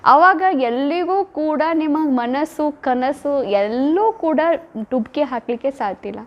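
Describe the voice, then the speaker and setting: A spiritual speaker, a woman with a high-pitched voice and lively intonation, speaks slowly in a devotional talk. She retells love stories emotively, acting out the quoted lines. The recording is dull and lo-fi.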